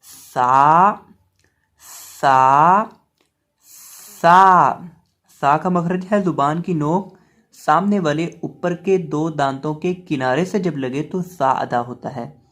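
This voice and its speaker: Man, teacher, slow unhurried delivery, drawn-out repeated letter sounds, calm explanations. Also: on the high side. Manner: repeats each letter loudly and drawn out, then explains calmly. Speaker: Quran reading teacher. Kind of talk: slow step-by-step pronunciation lesson.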